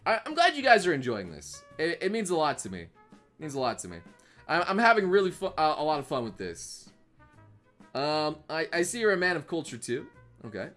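Bright, lively young-sounding male streamer. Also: a little high, a little fast, soft background music. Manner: rambling, repeats himself, swears often. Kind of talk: live stream meme reaction commentary.

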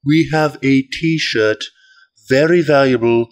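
A man putting on a polite, earnest golf commentator, giving measured, deliberate mock sports commentary. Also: mid-range voice, lightly acted. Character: mock golf announcer, male, polite, earnest, calling an unboxing.

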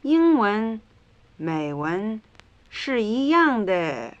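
A woman reading her part in a scripted language lesson dialogue, speaking drill lines slowly and deliberately, on a dull lo-fi 1950s record. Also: medium pitch, sing-song.

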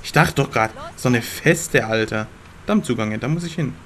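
A young man commentating his gameplay in a slangy, excitable way and talking back to the game characters. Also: medium pitch, moderate pace, slight background noise. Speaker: let's play gamer.

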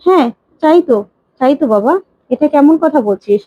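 A woman's voice: high-pitched, expressive, fairly quick, no room sound, narrow, tinny audio. A woman voicing a heartbroken middle-aged mother who speaks in a tearful, pleading way. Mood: sorrowful.

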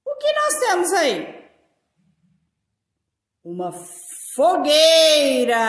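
A Brazilian woman teacher with a Brazilian Portuguese accent guides young children through a lesson, drawing out her syllables in a slow, sing-song way. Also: high voice, a bit bright. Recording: echoey room.

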